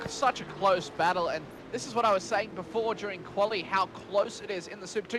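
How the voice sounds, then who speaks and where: A high-voiced man working as a motorsport commentator calls sim racing action play by play. His voice sits well above most men's, and car engines run clearly behind him. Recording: constant car engine noise. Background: race cars and engine noise.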